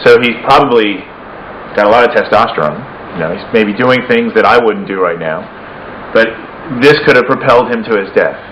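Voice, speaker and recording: A man's voice: on the low side, a little fast, fairly bright tone, slight background noise. A man presenting a documentary, chatting informally and thinking aloud on location. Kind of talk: casual on-location conversation. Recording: dull location sound with music. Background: music.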